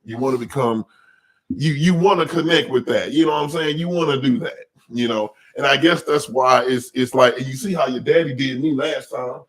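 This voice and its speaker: A man hosting a casual talk show, telling animated stories in an easygoing chat. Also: medium pitch. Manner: animated storytelling, drawn-out complaints. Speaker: podcast host.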